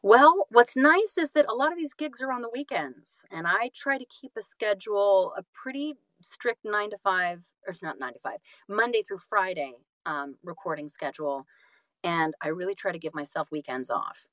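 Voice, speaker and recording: Effusive and chatty, this singer and audiobook narrator, appearing as an interview guest, keeps breaking off mid-sentence to correct herself. Her medium-pitched voice is a bit bright with lively intonation, heard in a dry recording with poor audio.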